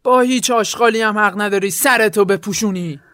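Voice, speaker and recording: Woman doing an angry bossy young guy yelling from across the room, dry sound. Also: medium pitch, dry recording, natural voice. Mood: furious. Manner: harsh, shouting orders. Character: angry young man, bullying brother.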